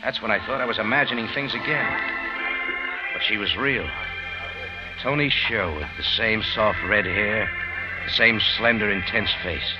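Close to an everyday voice, a lowish-voiced actor narrates as a tough, wry American private eye at a moderate pace with long pauses, in clipped 1940s radio noir fashion. The mood is brooding and tense, captured on a dull old radio recording under loud music.

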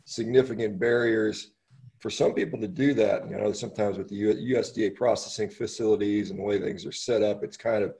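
Mellow, gravelly American man hosting a podcast. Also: lowish voice, fairly even intonation. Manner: halting, rambling, repeats himself. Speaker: podcast host, interviewer. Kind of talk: casual interview chat.

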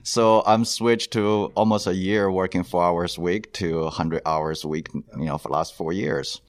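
A man, speaking as a guest on an interview show. His voice sits very low and sounds close and dry. He talks in a loose, chatty way, full of fillers and small asides. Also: steady tone, normal speed, no room sound. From China. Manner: loose, chatty, many fillers and laughs, non-native grammar. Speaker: guest, company founder. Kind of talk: casual interview chat.

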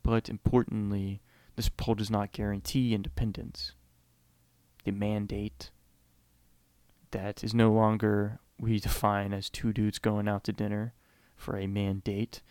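A man's voice: lowish voice, darkish tone, clean tone, no room sound. A man giving a casual, conversational history lecture, often saying "you know" and acting out quotes.

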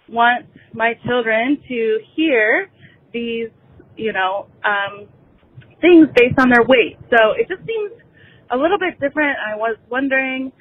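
A woman's voicemail comes through a thin, tinny phone line, her voice sitting a little high. She speaks slowly and hesitantly, stopping often to search for her words. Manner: hesitant, many ums. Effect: voicemail over a phone line. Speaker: caller. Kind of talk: recorded voicemail message.

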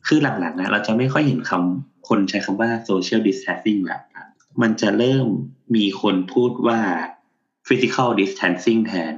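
Brief: lower-voiced male co-host, easygoing and blunt, slightly dull lo-fi sound. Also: a little slow. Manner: relaxed, blunt, slangy explaining. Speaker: podcast co-host. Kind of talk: casual chat.

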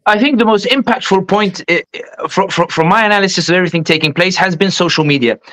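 A man from Tunisia offers his closing reflections on a panel, earnest and rallying as he speaks straight to his listeners. His voice sits notably high for a man. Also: fast, a bit bright.

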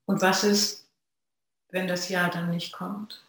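Reflective dharma talk from a Zen practitioner, unhurried and pausing, heavy room echo. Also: mid-range voice, level tone, a bit bright. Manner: slow, measured, pausing between phrases. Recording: very echoey room.

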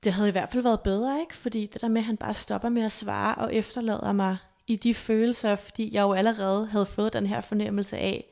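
Sex: woman. Style: halting personal storytelling. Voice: gravelly, flat. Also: mid-range voice. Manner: soft, halting, emotional retelling. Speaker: interview guest.

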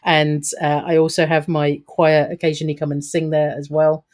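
Speaking as a guest in a podcast interview, a woman comes across upbeat and chatty, laughing frequently and restarting sentences. Her voice is deep and a little mellow, with flat delivery at normal speed.

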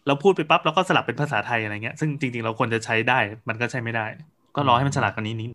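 A man hosting a casual tech podcast, telling stories in an animated way and swearing casually. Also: mid-range voice, racing.

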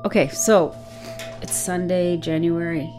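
A woman hosting a podcast, giving measured, scripted true-crime narration and interview questions. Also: fairly low pitch, fairly even intonation, over music.

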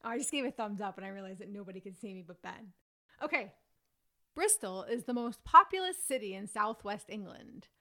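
A woman's voice: mid-range voice, lively intonation, fairly quick, sharp tone. A woman co-hosting a podcast in a casual, conversational style. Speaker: podcast co-host.

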